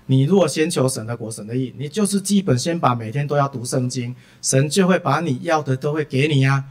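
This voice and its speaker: A middle-aged man gives a sermon as a string of lively family stories. He sprinkles his talk with soft "ah" fillers. His voice sits at a medium pitch. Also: fairly quick. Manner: lively anecdotal delivery, frequent "ah" fillers. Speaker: preacher. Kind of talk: sermon with personal storytelling.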